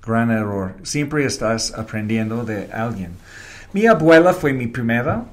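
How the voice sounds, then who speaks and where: A man who grew up in Wales, a native English speaker with a British accent, answers interview questions in non-native Spanish, using short declarative sentences and the odd English word. He's an advertising creative and professor in a reflective conversation, speaking in an expressive mid-range voice at a measured pace.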